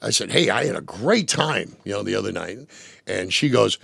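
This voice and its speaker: Animated gravelly former radio DJ. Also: male voice, on the low side, moderate pace, no room sound. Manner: animated, acts out voices in anecdotes, laughs often. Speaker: former radio DJ, interview guest. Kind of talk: storytelling interview. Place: radio studio.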